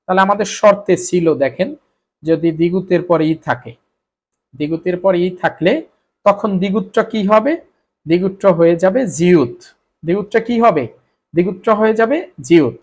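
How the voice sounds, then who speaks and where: A man's voice: sits high, normal speed, darkish tone. Man teaching, asks then answers himself. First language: Bengali. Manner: repetitive, asks and answers own questions. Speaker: Korean language teacher. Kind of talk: explaining grammar rules to students.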